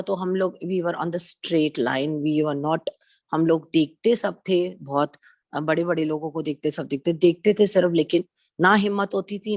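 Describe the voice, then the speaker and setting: Low-voiced woman telling a devotional story. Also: dry recording, clean studio sound. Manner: conversational storytelling, mixing in English words; acts out quoted dialogue in her telling. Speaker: devotee sharing experiences at a satsang. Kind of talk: personal spiritual testimony.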